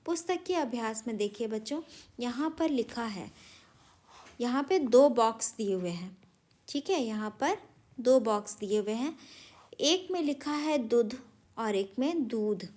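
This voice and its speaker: A woman's voice: on the high side, animated, a little slow, a little mellow. A woman teaching a Hindi grammar lesson to young children, patiently spelling out words and correcting sentences. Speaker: primary school Hindi teacher. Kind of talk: recorded classroom lesson for children.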